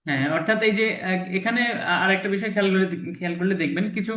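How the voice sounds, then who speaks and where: A man leads an alphabet pronunciation lesson. His voice sits high, and he repeats each sound patiently. The room around him echoes. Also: quick pace, fairly bright tone. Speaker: English teacher.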